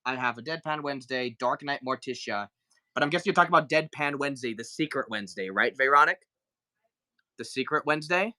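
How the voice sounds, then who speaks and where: Man, live-stream toy seller, flu-sick, chatty, bright voice, dry close sound. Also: mid-range voice, fast, dry recording. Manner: chatty, greets viewers, counts down sales. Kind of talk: casual live-selling chat.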